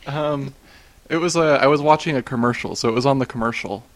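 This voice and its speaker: A man's voice: medium pitch, quick pace, dry recording. Giggly man telling his odd dreams. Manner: laughs often while telling, many fillers. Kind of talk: casual chat, recounting dreams.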